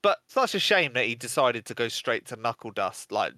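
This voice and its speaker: A man co-hosting a gaming podcast, telling stories in a lively, casual way and swearing freely. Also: medium pitch, normal speed, no room sound. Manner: animated storytelling, swears and laughs often. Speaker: podcast co-host.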